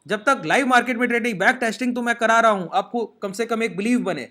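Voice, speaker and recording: Bright, high-voiced man teaching trading. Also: fast talker. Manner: explains step by step, often checks in with listeners. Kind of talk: screen-share trading lesson.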